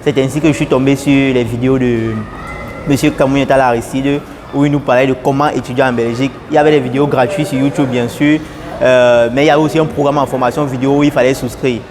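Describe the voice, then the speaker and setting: A man's voice: mid-range voice, fast talker. Young man with noisy background. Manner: earnest, repeats phrases, animated when excited. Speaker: student giving a testimonial. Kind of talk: casual testimonial to camera. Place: airport, indoors.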